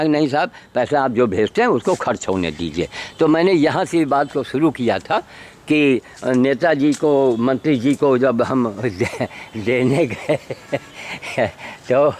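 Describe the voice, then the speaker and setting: An older man walks among trees outdoors, holding the camera himself and talking into its built-in mic. His voice sits at an ordinary middle pitch. He rambles bluntly and with emphasis, often firing rhetorical questions at the viewer. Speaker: vlogger showing his garden. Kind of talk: rambling self-filmed commentary. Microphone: handheld camera mic.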